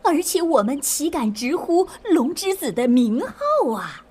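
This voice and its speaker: A woman's voice: high voice, big pitch swings, measured pace, darkish tone. A woman playing a servile, fearful innkeeper in a period comedy drama. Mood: fawning. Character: fawning, timid inn keeper woman.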